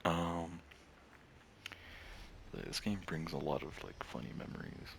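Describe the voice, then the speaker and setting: A man talking to camera in a casual rambling monologue about games, with lots of fillers, frequent laughter and soft, near-whispered asides. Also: low-pitched, fairly even intonation, slow, creaky, a little hiss or hum. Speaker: streamer and gamer.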